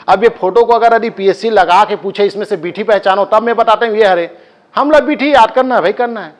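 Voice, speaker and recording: His pitch sits high as this Chhattisgarhi-accented coaching teacher runs a live class. He drills the students through chanted repetition, mixing in joking asides.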